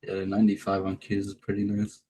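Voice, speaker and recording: Flat, mellow-voiced joking man. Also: lowish voice, quick pace, husky. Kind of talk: casual livestream chat.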